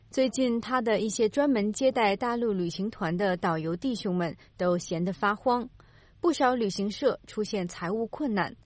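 Measured female news reporter, dry sound. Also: mid-range voice, darkish tone, no echo. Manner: measured, formal. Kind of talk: scripted news narration.

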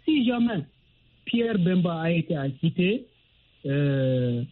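Calling a radio program over a tinny phone line that carries faint noise and clicks, a listener shares his view formally. His voice is a little high and sing-song, and he pauses often, leaning again and again on the tag question "n'est-ce pas".

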